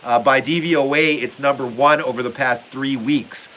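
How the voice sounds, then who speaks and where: A young man livestreams casually from his home basement on a phone, reading viewer comments aloud in a rambling, upbeat way packed with filler words. His mid-range voice is steady and fairly bright at a moderate pace, on a rough recording with slight background noise.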